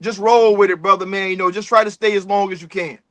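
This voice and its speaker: A man with a high, bright voice rambles earnestly through a casual chat, stacking up fillers. His sound is dry and close. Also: fairly even intonation, fast, dry recording. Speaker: filmmaker guest.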